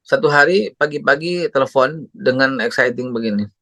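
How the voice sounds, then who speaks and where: A man's voice: medium pitch, normal speed, fairly bright tone, dry recording. A man who preaches a parenting talk and tells stories animatedly, acting out voices. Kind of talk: religious parenting talk with storytelling.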